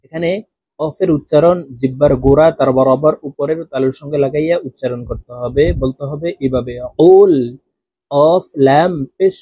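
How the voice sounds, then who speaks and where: A man teaching Quran recitation, who chants the verses slowly and melodically and explains the rules between them. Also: fairly high pitch, dark tone, no echo. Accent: Bangladeshi Bengali.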